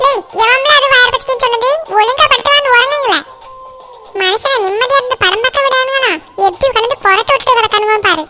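Cartoon: woman plays a rowdy bossy village kid, high and bright. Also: quick pace. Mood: grumpy. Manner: scolding, rowdy. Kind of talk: cartoon dialogue. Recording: soft music underneath.

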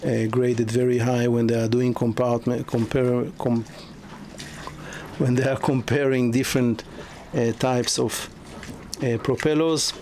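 Slow-talking man touring a sailboat. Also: mid-range voice, little pitch movement, a little mellow. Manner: halting, many fillers and restarts. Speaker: yacht broker. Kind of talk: walkthrough tour. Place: inside a sailboat cabin. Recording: noisy ambience.

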